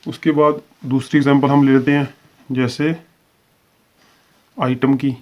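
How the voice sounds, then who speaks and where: Man, shorthand teacher, video lesson, patient repetitive explaining, monotone, dull lo-fi audio. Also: mid-range voice, measured pace. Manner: explains patiently, repeating phrases, drawing out example words. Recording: dull, lo-fi recording.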